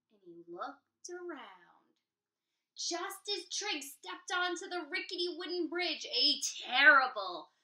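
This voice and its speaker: Animated teacher reading to young kids. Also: female voice, sits high, roomy sound, distant mic, rough recording. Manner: animated, asks the children questions. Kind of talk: children's storytime read-aloud.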